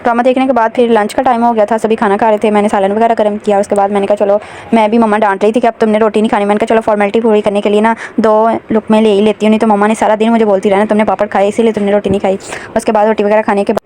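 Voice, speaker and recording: A young woman narrates her home vlog at a brisk clip. Her voice stays level with little rise and fall, and she chats casually and directly to her viewers. A faint room ambience sits behind her. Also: medium pitch, level tone, dark tone, a little hiss or hum. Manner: chatty, addresses viewers directly. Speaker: vlogger.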